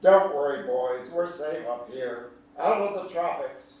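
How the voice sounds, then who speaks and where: Playing a folksy older countryman with a homespun drawl, kindly and teasing, an actor speaks at a measured pace in an animated, mid-range, darkish voice close to his everyday one. Here the mood turns playful, with mock alarm. It's a staged reading in a large echoey room, recorded by a distant mic with faint noise.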